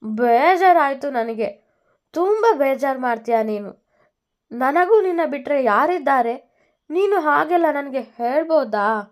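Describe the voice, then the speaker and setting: Lady doing a moody young husband, kinda drunk and sulky, slow and highish. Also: animated. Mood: hurt. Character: young husband, hot-tempered, hurt, tipsy.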